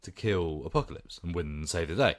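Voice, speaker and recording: Lively podcast host. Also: male voice, low-pitched, brisk. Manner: opinionated, animated, laughs often. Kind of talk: casual film discussion.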